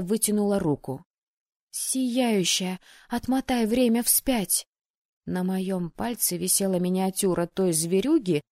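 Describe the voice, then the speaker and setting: A woman narrating a fantasy audiobook in the first person, telling it in a lively, expressive way. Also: medium pitch, no room sound, studio quality. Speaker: audiobook reader.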